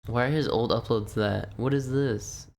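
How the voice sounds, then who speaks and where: A man's voice: mid-range voice, moderate pace, gravelly. A man streaming and reacting to videos in casual commentary, swearing and joking in a rambling way. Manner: crude, swearing, jokey rambling; loud mock-outraged yelps.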